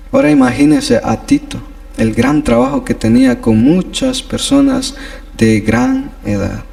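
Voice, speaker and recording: A man's voice: on the high side, creaky, a little mellow. A man leading a Sunday Bible study in a church, teaching earnestly and often addressing his listeners as brothers. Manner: earnest, repeats "hermanos" often.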